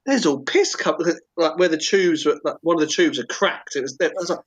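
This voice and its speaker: A man's voice: fairly high pitch, quick pace. A man co-hosting a podcast, telling rambling stories in casual banter and laughing as he goes. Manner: storytelling, laughing mid-sentence, swearing. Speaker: podcast co-host.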